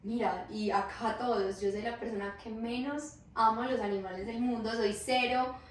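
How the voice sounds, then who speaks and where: Higher-voiced woman psychologist in an echoey room. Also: steady tone, moderate pace. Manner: explains patiently, acts out quoted reactions, often asks "¿cierto?". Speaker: psychologist guest. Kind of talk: explanatory podcast conversation. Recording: roomy echo, mic at a distance, faint hiss.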